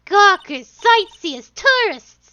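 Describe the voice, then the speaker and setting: A woman's voice: very high voice, very animated, takes it slowly, pushed and bright, no echo, dull audio, pitched above the performer's own voice, heavily acted. A woman voicing a brash, nosy old woman security guard in a crabby, scolding old-hag voice for a video game.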